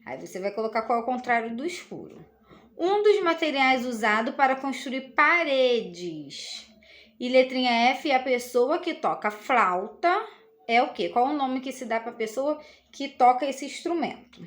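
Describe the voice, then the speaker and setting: A high-voiced woman with a Brazilian Portuguese accent gives a lesson to young children. She explains patiently and slowly, stopping often to check that they follow. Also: expressive. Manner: patient, explains slowly with many tag questions. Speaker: teacher.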